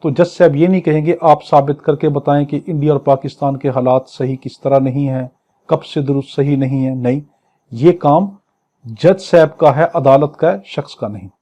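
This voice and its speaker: A law lecturer with a Pakistani accent delivers an exam lecture in a slightly high, dark-toned voice with fairly even intonation at a moderate pace. He reads clauses aloud and explains them didactically, often posing questions and then answering them himself.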